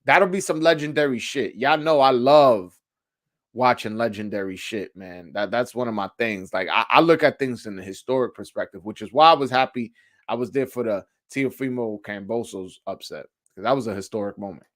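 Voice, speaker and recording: This man hosts a live sports call-in show, answering commenters informally with slang and frequent swearing. He often repeats phrases while thinking aloud, speaking at a moderate pace in a mid-range, fairly bright voice.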